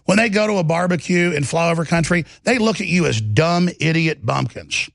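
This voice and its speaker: Gravel-voiced and twanging with a Texan accent, this man gives fiery political commentary, piling up lists and rhetorical questions with the confident, aggressive emphasis of a talk show host. He sounds animated, his voice on the high side, at a normal speed, with no echo.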